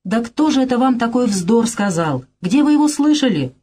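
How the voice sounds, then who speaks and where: Woman reading a flustered old father, hesitant and husky. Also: a little high, very animated, normal speed, dark tone, voice pushed up.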